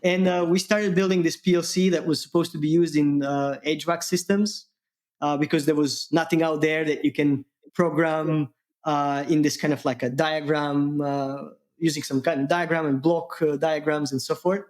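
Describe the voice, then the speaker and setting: A man from Serbia, a guest engineer talking shop in a halting way, with many fillers. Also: a little high, fairly even intonation, a little mellow. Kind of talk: casual tech interview.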